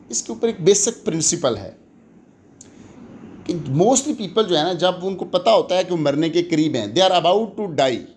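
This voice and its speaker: Recorded with noise, a higher-voiced Pakistani man delivers an explanatory exam-prep lecture on law. His style is didactic: he blends Urdu with English and raises questions only to answer them.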